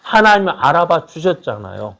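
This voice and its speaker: A man's voice: a little high, big pitch swings, brisk, vocal fry. Male pastor preaching with constant rhetorical questions. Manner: keeps asking the congregation rhetorical questions; swings between loud exclamations and quiet asides. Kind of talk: sermon.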